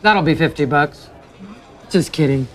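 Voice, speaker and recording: A woman playing a gruff but kindly middle-aged school staffer in a TV comedy, deadpan and matter-of-fact. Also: low voice, a little slow. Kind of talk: TV comedy acting.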